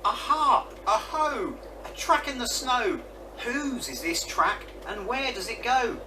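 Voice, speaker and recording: Guy doing a curious little monster girl, storybook, high and exclaiming, bit far from the mic. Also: animated, slow, exaggerated voice. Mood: excited. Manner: exclaiming, questioning. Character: Gruffalo's child, young female monster, curious and defiant. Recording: distant mic, noisy.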